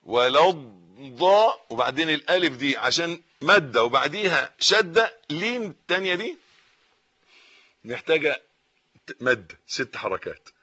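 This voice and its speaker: A man with an Egyptian Arabic accent teaching Quran recitation, reciting slowly and then explaining corrections quickly. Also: fairly high pitch, lively intonation, pushed and bright, breathy edge, lo-fi sound.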